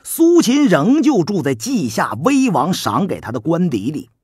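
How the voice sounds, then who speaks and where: A man narrating a historical audiobook in a slow storytelling manner. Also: sits high, huge pitch swings, a little mellow, husky, no room sound, clean studio sound.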